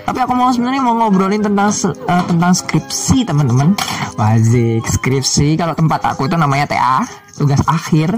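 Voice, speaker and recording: A man's voice: fairly high pitch, fairly quick, soft background music. A young man chatting casually to viewers, rambling with many fillers and restarts. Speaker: vlogger.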